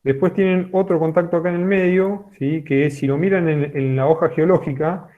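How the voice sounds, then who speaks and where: A man's voice: fairly high pitch, normal speed. Man teaching over a tinny call. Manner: explanatory, keeps checking in with a questioning "sí". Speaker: geology teacher. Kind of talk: online class lecture. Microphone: computer microphone on a video call. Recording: tinny phone-like online call audio.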